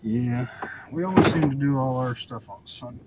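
A man's voice: mid-range voice, normal speed, noisy background. A man, chatting casually as a travel vlogger and reading signs aloud outdoors. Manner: chatty, jokey, reads plaques aloud. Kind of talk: casual tour chat. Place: outdoors in a small town, windy.

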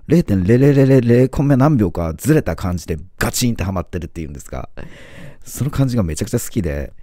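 A man's voice: lowish voice, dark tone, no room sound, studio quality. A man in his forties chatting casually in a vlog, talking with enthusiasm and plenty of filler words. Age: 40s. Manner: enthusiastic fan talk with many fillers. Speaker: vlogger. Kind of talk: casual chat.

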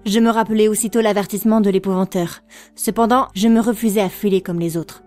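A woman narrating a fantasy audiobook at a middle pitch, with even, expressive storytelling. Soft music plays quietly underneath her reading. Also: fast.

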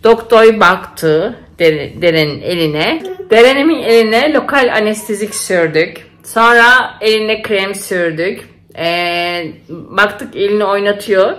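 Her medium-pitched voice has a fairly bright tone as she, a middle-aged nurse and mother, chats at home to camera. The stories come out emotional and casual, with lots of filler words.

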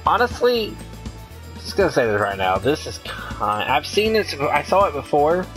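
A gaming YouTuber doing excitable, gushing let's-play commentary. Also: mid-range voice, moderate pace, soft background music. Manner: excitable, gushing, laughs a lot.

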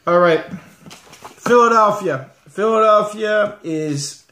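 A middle-aged man hosting a homemade sports picks show in a casual, informal chatting style, with pauses between phrases. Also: high-pitched, sharp tone. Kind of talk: casual comedic show chat. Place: living room at home. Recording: roomy home webcam sound.

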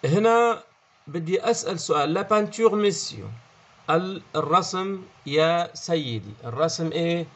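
A man's voice: on the high side, normal speed, fairly bright tone. A man with a Levantine Arabic accent teaching French in an explanatory lesson, often checking in and repeating key words. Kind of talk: online language lesson.

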